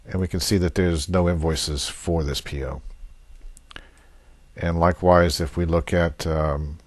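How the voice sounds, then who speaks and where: A man's low-pitched, unhurried voice, with fairly even intonation, carries an unscripted, matter-of-fact software demo on a screen recording, taken methodically step by step. The recording is dry.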